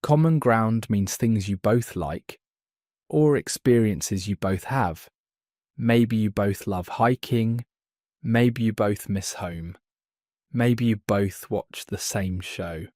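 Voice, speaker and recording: Slow, deliberate male English teacher. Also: fairly low pitch, a little mellow, no room sound, clean studio sound. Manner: slow, clear delivery with model phrases for learners to repeat. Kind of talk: slow scripted language lesson.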